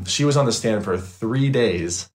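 A man, a trauma therapist and guest, talking in a casual, animated and emphatic way, swearing freely. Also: medium pitch, a little slow. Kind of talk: casual interview chat.

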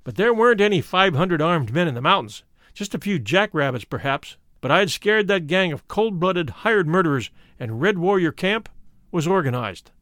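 High-voiced man reading a memoir. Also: no room sound, clean studio sound. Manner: measured, steady storytelling. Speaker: reader. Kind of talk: scripted narration of a first-person memoir.

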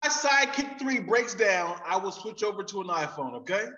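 A man's voice: high-pitched, animated, normal speed, highs cut off. A man calling in over a laggy video call with a bad connection, talking in a laid-back, slangy, teasing way as a remote guest in casual banter. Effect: heard over a laggy, pixelated video call with a bad connection. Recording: echoey, roomy sound over a video call.

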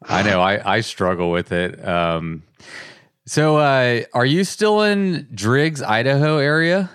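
A man's voice: mid-range voice, expressive, takes it slowly, fairly bright tone, clear, resonant tone, no echo, studio quality. A man hosting a casual interview podcast, upbeat and chatty with self-mocking jokes. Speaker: podcast host.

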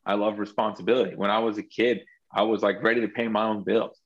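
On a muffled recording, a guest entrepreneur with a lowish voice and level tone talks at a quick pace. Being interviewed, he tells his faith story earnestly and reflectively, frequently starting sentences over.

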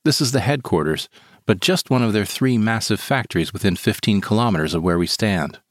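Deep-voiced man narrating calmly. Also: dry recording, studio quality. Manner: calm, measured storytelling in present tense. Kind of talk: scripted first-person narration. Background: guitar music.

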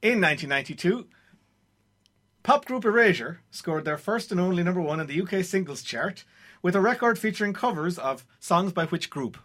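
A man's voice: high voice, lively intonation, brisk, a bit bright. An Irish man hosting a radio trivia quiz from a studio, introducing and moving things along in presenter style. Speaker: quiz show host.

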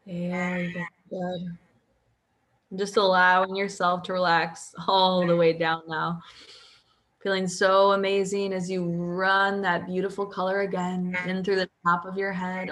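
A woman guiding a hypnosis session as a hypnotherapist, speaking softly and soothingly in repetitive phrases. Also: fairly low pitch, level tone, measured pace.

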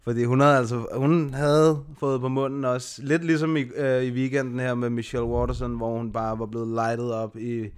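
A man co-hosting a podcast, relaxed and agreeable as he recounts events in casual chat. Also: medium pitch, few pauses, smooth. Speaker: podcast co-host. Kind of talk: casual chat about fighting.

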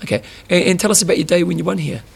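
A man's voice: sits high, rapid-fire, vocal fry, slight background noise. A man doing a casual sports interview, asking informal, curious questions in a chatty way.

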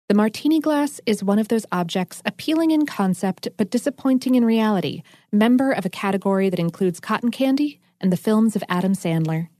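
A woman's voice: mid-range voice, a little mellow, dry recording, clean studio sound. A woman co-hosting a podcast, explaining food history and science in a chatty, enthusiastic way with lots of asides. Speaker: podcast co-host.

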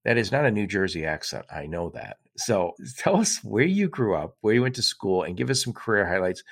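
A man's voice: lowish voice, big pitch swings, brisk, gravelly, fairly bright tone. A male podcast host asking direct, curious questions in a conversational way. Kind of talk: interview questions.

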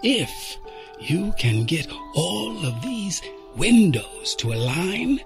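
A man's voice: a little high, full character voice. A man voicing a genteel older time traveler who muses and lectures with small stammers.

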